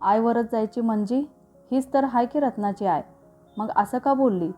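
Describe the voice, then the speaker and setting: An elderly village grandmother, fond yet blunt, talks in a rural storybook with homely rustic words, as a woman narrator puts her on. Soft music plays faintly under her. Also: fairly high pitch, moderate pace, close to an everyday voice. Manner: rural Marathi dialect speech.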